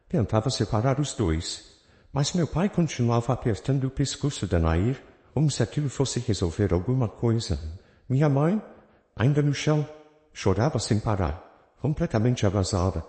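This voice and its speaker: Dramatic male storyteller with lively pitch. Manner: dramatic, emotive storytelling with voiced quotes. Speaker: narrator. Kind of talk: dramatic first-person story narration. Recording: echoey reverberant room with faint music.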